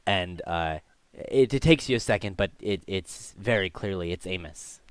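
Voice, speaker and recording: A man narrating a tabletop game as game master, halting and full of fillers. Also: deep voice, expressive, clean tone, no echo.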